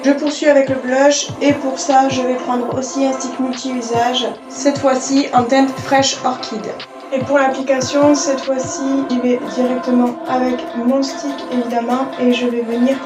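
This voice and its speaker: High-voiced woman vlogger. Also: little pitch movement, unhurried, roomy sound, over music. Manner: chatty, explains each step with fillers. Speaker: beauty vlogger. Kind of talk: casual makeup tutorial narration.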